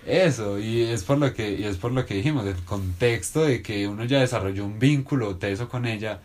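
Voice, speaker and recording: A man's voice: lowish voice, brisk, darkish tone. A young adult man with a Colombian accent, hosting a casual podcast chat about a TV series, slangy and emphatic, swearing often. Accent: Colombian Spanish. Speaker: podcast host.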